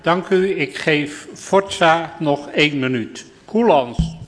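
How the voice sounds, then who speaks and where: A man's voice: a little high, slow. Man chairing, with hall reverb. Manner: brief, formal handovers of the floor. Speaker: council chair. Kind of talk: chairing a meeting. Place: council chamber.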